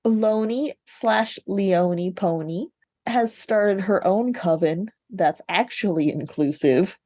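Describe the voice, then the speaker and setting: A woman co-hosts a podcast, discussing books casually and bluntly with strong opinions. Her voice is medium-pitched, slow and darkish, recorded at studio quality with no room sound.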